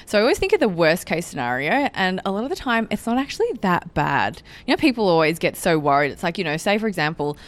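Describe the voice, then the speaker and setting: A woman's voice: on the low side, fast talker, hardly any pauses. A woman co-hosting a podcast in casual chat, talking freely and laughing often. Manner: chatty, laughs often, animated. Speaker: podcast co-host.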